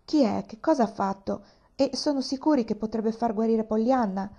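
A woman's voice: a little high, normal speed, dark tone. A woman voicing a proud older aunt who speaks anxiously and then tenderly. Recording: dull lo-fi recording.

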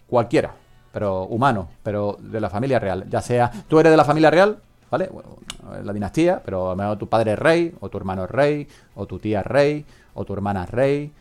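A man's voice: medium pitch, a little mellow. A man hosting a joking live radio show, rambling and acting out little scenes as he talks. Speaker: host of comedy radio show.

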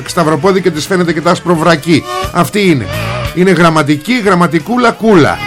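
Sarcastic ranting talk-radio host. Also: male voice, sits high, fairly bright tone. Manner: sarcastic, mocking, colloquial rant. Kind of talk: ranting political talk with callers.

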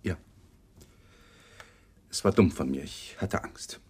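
In a 1980s German radio crime play, a man acts a defensive, uneasy husband, an awkward lawyer giving hesitant, guarded answers to the police. His voice sits low with a darkish, slightly rough tone, and he speaks slowly. The performance is heavily acted.

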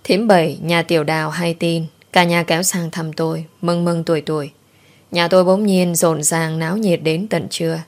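A woman's voice: fairly low pitch, fairly even intonation, normal speed. Woman narrating a first-person story. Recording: faint background music.

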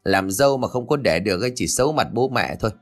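A man's voice: animated, fast. A man voicing a harsh, sneering old mother-in-law in a spoken ghost story. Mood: scolding. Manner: shrill, sneering, scolding.

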